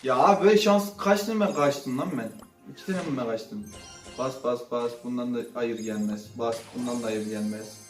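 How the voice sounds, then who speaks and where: A man doing casual gaming commentary as he opens loot boxes, swinging between low muttering and sudden loud outbursts. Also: normal speed, distant mic. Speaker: gaming channel host. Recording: roomy sound from off-mic with faint music.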